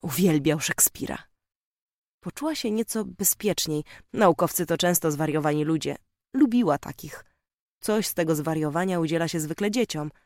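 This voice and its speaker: Audiobook narrator, calm measured delivery, dry close read. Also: medium pitch, dry recording. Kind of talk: scripted narration.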